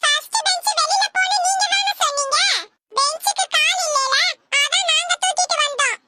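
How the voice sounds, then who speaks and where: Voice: very high-pitched, brisk, sharp tone, soft background music, heavily acted. A performer voicing a cheeky wisecracking schoolboy who talks back to his teacher in a comedy cartoon.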